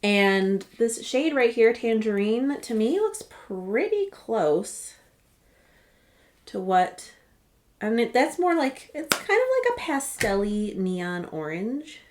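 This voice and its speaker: A woman's voice: a little high, sing-song, slow, darkish tone. Woman vlogger, casual and chatty, rambly asides, everyday voice. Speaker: beauty vlogger. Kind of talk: casual product walkthrough.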